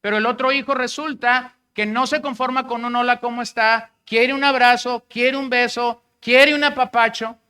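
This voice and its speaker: A man's voice: very high-pitched, fairly even intonation, moderate pace, few pauses, sharp tone, clear, resonant tone. A man with a Mexican Spanish accent preaching a sermon as pastor, in a conversational way, acting out the words of the people he quotes.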